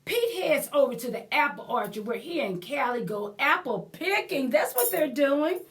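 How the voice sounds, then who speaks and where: Reading a picture book aloud to small children, a library storyteller with a high voice performs expressively. She pauses now and then to explain things and prompt her young listeners.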